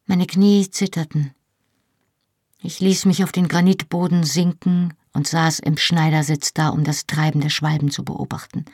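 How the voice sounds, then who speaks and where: A woman reading a novel aloud in the first person, measured and expressive. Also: low voice, slightly rough, no room sound, clean studio sound. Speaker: audiobook narrator.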